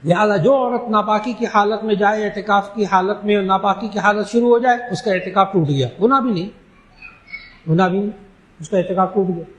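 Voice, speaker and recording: In an echoey room, a high-pitched man from Pakistan, an Islamic scholar, delivers a forceful religious talk. He answers questions and slows his speech to emphasize important phrases.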